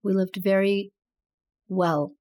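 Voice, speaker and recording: A woman in her thirties from Azerbaijan, telling her story in a reflective interview with measured, deliberate phrasing. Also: medium pitch, fairly even intonation, a little mellow. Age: 30s. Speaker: podcast guest, author and entrepreneur.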